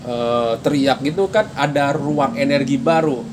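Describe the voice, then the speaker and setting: A man's voice: mid-range voice, a little slow, slight background noise. A man hosting a podcast, asking probing follow-up questions in a casual chat. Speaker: podcast host. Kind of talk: casual interview.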